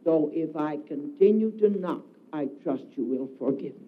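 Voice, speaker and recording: A man giving a solemn devotional address, declaiming slowly with emphatic repetition, heard on a dull lo-fi recording. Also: fairly high pitch, lively intonation. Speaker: spiritual speaker.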